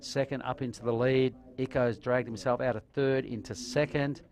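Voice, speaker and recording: A man's voice: medium pitch, fairly even intonation, moderate pace, a little mellow. A man commentating live on a surf contest in a laid-back surfer announcer manner with colloquial slang.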